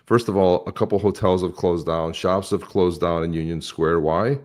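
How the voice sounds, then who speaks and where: A man's voice: low-pitched, fairly even intonation, moderate pace, darkish tone. A man hosting a podcast, chatting casually and bluntly as he reacts to clips, crude and rambling. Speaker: podcast host.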